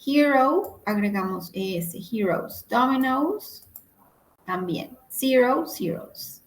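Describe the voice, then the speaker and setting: Slow, patient woman teaching online. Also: a little high, expressive. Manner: patient, explains step by step and checks in often. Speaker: English teacher. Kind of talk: online grammar lesson. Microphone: computer mic on a video call.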